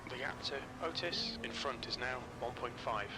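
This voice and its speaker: A man voicing a race engineer who gives terse, clipped pit radio calls over a loud racing car engine. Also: medium pitch, moderate pace, heavy background noise, close to an everyday voice. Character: adult male race engineer calling terse pit info.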